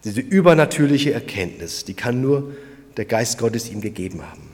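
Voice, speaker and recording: A man preaching a sermon, emphatic and swinging between loud and quiet, speaking directly to the congregation. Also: medium pitch, big pitch swings, moderate pace, long reverb tail. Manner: emphatic, rising and falling in volume, addresses listeners directly.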